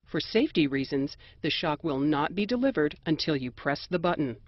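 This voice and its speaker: An American narrator reading scripted instructions in a measured, precise and formal manner. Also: mid-range voice, expressive, no echo, lo-fi sound.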